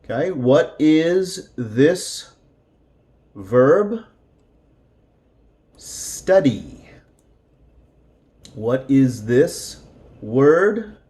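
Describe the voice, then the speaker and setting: A man teaching a slow, deliberate English lesson, repeating words clearly for learners. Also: mid-range voice, big pitch swings, mellow.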